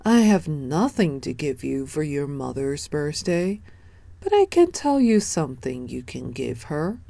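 A kindly bear in the woods, speaking low and soft, slow and thoughtful, as a woman reads him aloud. The storybook voice is mellow and dry. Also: big pitch swings, gravelly, no echo, heavily acted. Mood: gentle.

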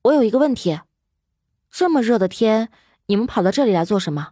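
A woman doing a sharp-tongued rookie policewoman. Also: a little high, lively intonation, no room sound, clean studio sound. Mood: official. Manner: scolding, brisk. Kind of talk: audiobook drama acting.

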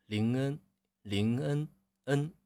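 A man working as a voice coach, critiquing students' readings on a live stream in a relaxed corrective tone and often clearing his throat. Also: medium pitch, slow.

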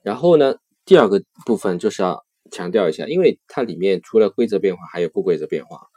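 一位男老师用中文讲解意大利语语法，耐心细致，关键的变位形式会放慢反复念。. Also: male voice, low-pitched, expressive, mellow, breathy edge, dry recording. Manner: patient, repeats key forms slowly. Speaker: Italian language teacher. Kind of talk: grammar lesson explanation.

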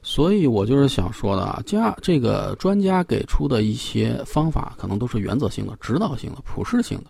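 A man's voice: medium pitch, sing-song, fairly quick, vocal fry, hardly any pauses, a little mellow, husky, no echo. A man speaking as a parenting expert on a radio talk show, explaining at length with many fillers and repeated phrases.

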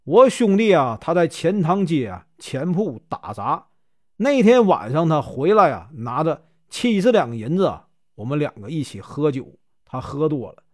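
A man's voice: on the high side, big pitch swings, normal speed, a little mellow, no echo, studio quality. A man doing an evasive murderer, Northeastern twang. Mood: confessing. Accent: Northeastern Mandarin. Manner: pleading, confessing in a long run. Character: cunning middle-aged male murderer, evasive.

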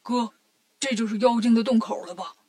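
A woman's voice: on the high side, fairly even intonation, brisk, mellow, no echo, clean studio sound, lightly acted. A woman doing a whiny pig-man. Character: greedy lazy pig-man, big-bellied.

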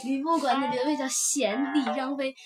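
A woman's voice: high voice, fairly even intonation, a little fast, loud music behind the voice. A young girl co-hosting a casual chat, interjecting with questions and comments. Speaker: young co-host.

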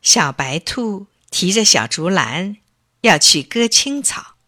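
A woman narrating a children's story in a slow, expressive storytelling voice. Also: mid-range voice.

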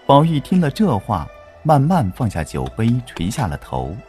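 Animated man narrating a children's story. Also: mid-range voice, moderate pace, faint music behind. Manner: expressive, animated.

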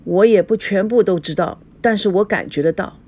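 A woman's voice: mid-range voice, brisk, darkish tone, close to an everyday voice. A woman voicing a wronged young bride from a rich family who answers defensively, in a storybook reading. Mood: aggrieved. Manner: aggrieved, defensive.

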